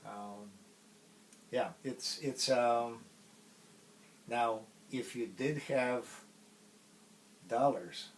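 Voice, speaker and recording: A middle-aged man from Poland with a Polish accent, a native Polish speaker, recalling his past in a casual interview in a halting way with many pauses. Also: mid-range voice, far from the mic, a little hiss or hum. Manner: halting, pausing often mid-phrase.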